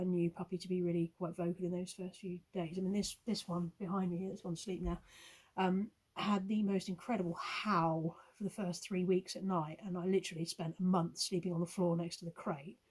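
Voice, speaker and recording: A woman's voice: fairly low pitch, a little mellow, husky. A woman recording a casual video message of puppy advice, reassuring and rambling with many hesitations. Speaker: puppy owner giving advice.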